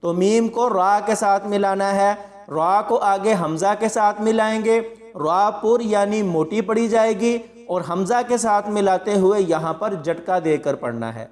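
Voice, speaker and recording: A man's voice, sitting high and carrying a big-room sound, leads a lesson on pronouncing the Quran. Calmly, he explains every word, breaking the syllables down slowly before reciting them.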